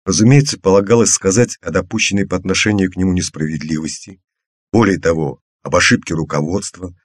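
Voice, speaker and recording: A man reading a first-person audiobook in a measured, even way. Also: low voice, breathy edge, no room sound, studio quality. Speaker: audiobook narrator.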